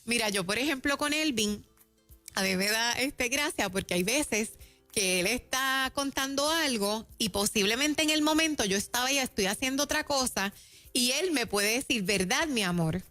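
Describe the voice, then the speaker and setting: A woman's voice: on the high side, moderate pace, sharp tone, dry recording, soft background music. Chatty Puerto Rican woman teaching. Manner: chatty, laughs between points. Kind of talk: conversational faith teaching.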